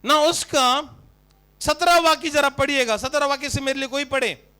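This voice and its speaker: A male pastor preaching a sermon, fervent, questioning the congregation and rising to shouts. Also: very high-pitched, fairly even intonation, normal speed.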